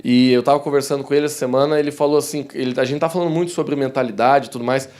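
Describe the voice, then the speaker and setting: A young Brazilian man with a southern Brazilian accent, preaching a sermon in a church in a warm, conversational way, often calling the congregation "dear ones" and acting out the voices in his stories. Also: medium pitch, racing. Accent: southern Brazilian Portuguese. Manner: animated storytelling that acts out quoted voices. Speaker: pastor. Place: church hall.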